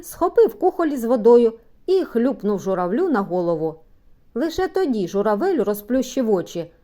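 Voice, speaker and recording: A woman reads a children's story aloud with an animated, rising and falling voice. Her tone is mellow and warm, and she lifts her voice to give the characters life. It is a steady, scripted audiobook narration. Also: a little high. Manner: lively, expressive reading with voiced dialogue.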